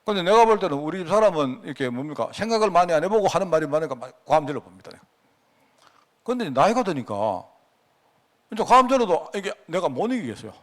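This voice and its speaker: A man's voice: on the high side, sing-song, fast. A middle-aged man with a Gyeongsang accent, preaching a sermon as pastor in a folksy, conversational way and often asking his listeners to agree. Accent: Gyeongsang Korean.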